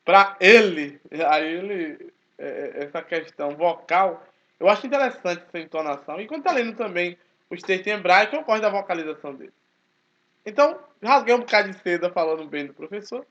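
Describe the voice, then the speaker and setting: A man, talking casually to his channel in a forceful, emphatic way. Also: high-pitched, a little fast. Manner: speaks forcefully, animated and emphatic. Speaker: channel host, Baptist churchgoer. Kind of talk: casual spoken commentary. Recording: dull lo-fi recording.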